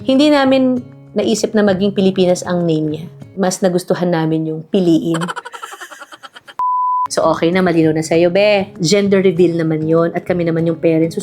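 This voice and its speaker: Woman vlogger, thirties, from the Philippines; low-set voice, teasing and breezy, light laughter, faint music bed. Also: warm tone. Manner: playful, teasing, laughs often, mixes Tagalog and English. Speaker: vlogger, singer. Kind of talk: casual vlog reading comments.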